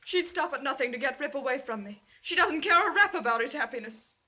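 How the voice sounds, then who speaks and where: Devoted young wife, 1930s film melodrama, high voice, bright, earnest, emotional, old soundtrack. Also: female voice, lively intonation, brisk. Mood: troubled, resolute. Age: young adult. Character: earnest young wife fighting for her husband.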